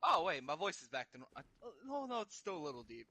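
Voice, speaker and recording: Young male gamer, high, animated, bright-toned; excitable and profane co-op banter. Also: fast, dry recording. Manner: excitable, laughs often, swears freely. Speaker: co-op gaming partner. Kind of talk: casual game-stream banter.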